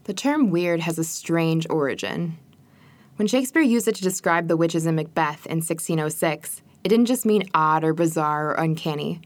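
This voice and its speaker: A woman from rural Wisconsin giving a measured, reflective scripted documentary narration. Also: sits low, animated, no echo.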